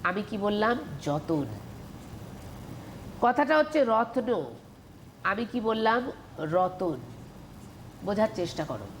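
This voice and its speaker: A woman's voice: a little high, a little hiss or hum. A woman teacher giving a televised Bengali grammar lesson, explaining patiently and repeating questions to her students.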